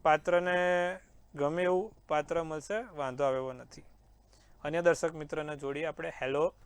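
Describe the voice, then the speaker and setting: A man's voice: fairly high pitch, normal speed, clean tone. A man hosting an astrology show, reading daily horoscopes and answering callers with confident reassurance. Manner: confident, reassuring, addresses viewers as sir. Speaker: astrologer host. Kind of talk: horoscope forecast and call-in advice.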